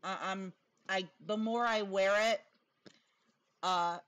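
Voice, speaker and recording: A woman's voice: medium pitch, fairly even intonation, takes it slowly, a bit bright. A woman giving casual, opinionated commentary in a blunt, sarcastic way, with a lisp and a whistling s. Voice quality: lisp with whistling s from new dental appliance.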